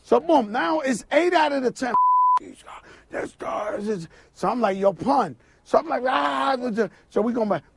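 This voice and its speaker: A man, a radio guest, telling an animated story and acting out the quotes with shouts and laughs. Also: extremely high pitch, brisk, few pauses, slightly rough. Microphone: radio studio mic.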